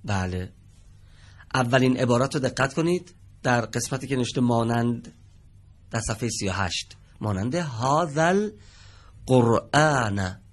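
Speaking at a medium pitch with long pauses, a man leads a televised studio lesson on reading Quranic Arabic. He is patient, quizzing the students and echoing back what they answer.

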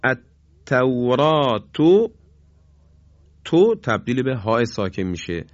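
A Quran recitation teacher gives a recorded lesson on the rules of pausing in Quran reading, explaining in a steady, mid-pitched voice. He lingers over each example word and draws it out, and the recording is dry, somewhat muffled and without echo.

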